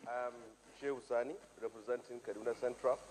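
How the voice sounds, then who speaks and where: A man, a senator, speaking in a measured, formal way. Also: medium pitch, fairly even intonation, darkish tone, a little hiss or hum, rough recording. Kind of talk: formal address.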